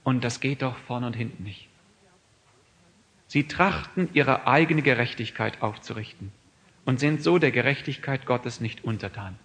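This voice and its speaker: A man preaching a sermon, earnest, asking his listeners questions and moving from quiet reflection to raised emphatic appeals. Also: mid-range voice, moderate pace. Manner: asks the listeners many questions.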